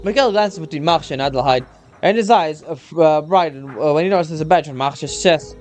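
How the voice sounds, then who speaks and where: Man, slightly high voice, game story narration, halting delivery, music behind. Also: a little mellow. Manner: halting, stumbles over words. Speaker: reader of a game's story. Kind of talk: reading game story aloud, voicing dialogue.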